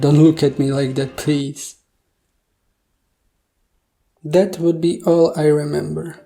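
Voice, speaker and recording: A woman, a native Czech speaker, casually recounting a dream in a puzzled, self-deprecating, jokey way with rhetorical asides. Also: deep voice. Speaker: video storyteller. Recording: faint background music. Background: soft music.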